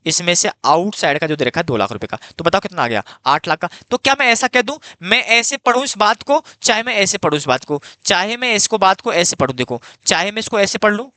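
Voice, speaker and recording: A man teaching accounting at a fast clip, often repeating himself and firing rhetorical questions at students. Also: sits high, expressive, pushed and bright, no room sound. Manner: repeats phrases, fast-paced. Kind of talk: exam-prep lecture.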